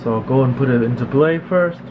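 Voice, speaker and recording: In an indoor electronics workshop, a male repair technician talks briskly at medium pitch while giving a relaxed, straightforward demonstration. The audio is a bit muffled, and a constant hum of room noise runs underneath.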